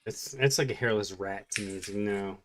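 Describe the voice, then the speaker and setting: A tired man chatting casually and at a relaxed pace as a co-host, rambling with fillers. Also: lowish voice, fairly quick, crowd noise. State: tired, yawning. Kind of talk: casual late-night chat.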